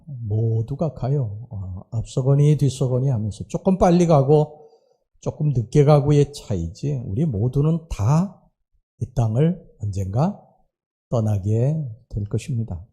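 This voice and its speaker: A male pastor giving a Sunday sermon in a church, speaking slowly and earnestly with pauses and hesitations. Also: medium pitch, mellow, slightly rough. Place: church sanctuary.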